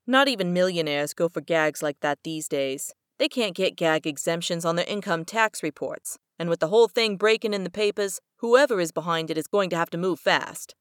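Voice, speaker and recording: A woman's voice: fairly low pitch, moderate pace, few pauses, clear, resonant tone, no room sound, clean studio sound, close to an everyday voice. A woman reading the lines of a callous, hard-boiled male detective with blunt, slangy talk.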